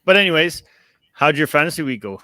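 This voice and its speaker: A man's voice: on the high side, lively intonation, a little fast, pushed and bright, no room sound. A young man hosting a casual sports podcast, upbeat and rambling with plenty of fillers. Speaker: podcast host.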